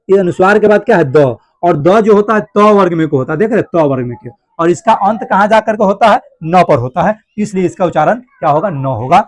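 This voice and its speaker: A male teacher gives a classroom grammar lesson, repeating each point and asking the class questions that he then answers himself. His voice sits high, and he speaks to his students affectionately. The recording is dry and close, with no room sound. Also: no echo.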